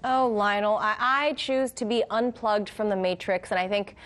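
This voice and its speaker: A woman's voice: mid-range voice, steady tone, moderate pace, fairly bright tone, slight background noise. A woman hosting a TV news interview, conversational and questioning. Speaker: news show host.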